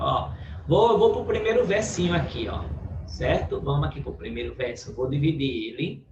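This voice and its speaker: A man's voice: medium pitch, darkish tone, slight background noise. A Brazilian man teaching a recorded online class, explaining step by step and often checking in with the students. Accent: Brazilian Portuguese. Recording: roomy, distant, dull lo-fi audio.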